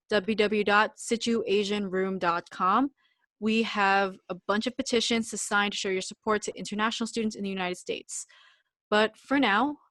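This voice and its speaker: A woman's voice: mid-range voice, fairly bright tone, no room sound. A young woman co-hosting a casual podcast, speaking emphatically and repeating words for stress. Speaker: podcast co-host.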